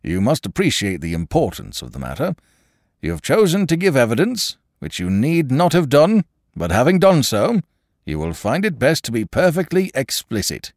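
A man voicing a peevish, precise middle-aged coroner who speaks briskly and irritably. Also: fairly low pitch, big pitch swings, dry recording, studio quality. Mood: stern.

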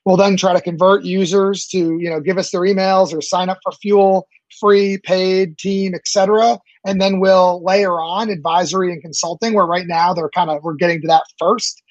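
A man's voice: high voice, fairly even intonation, moderate pace, dry recording, dull audio. A man in his late thirties, a startup founder answering interview questions eagerly, with many fillers and restarts. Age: 30s.

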